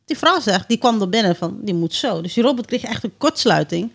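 A woman co-hosting a podcast in casual chat, talkative and quick to laugh. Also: on the high side, expressive, creaky. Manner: chatty, laughs often, many fillers. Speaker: podcast co-host.

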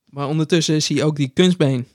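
A man chatting casually. His voice sits a little high for a man. He tells lively anecdotes and acts out the quotes with laughter. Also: brisk, no echo, clean studio sound. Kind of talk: casual chat, storytelling.

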